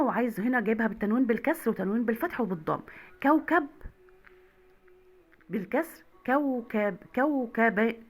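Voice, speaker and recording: A young woman with an Egyptian accent teaching an online Arabic lesson to primary school children, repeating words slowly and clearly. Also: on the high side.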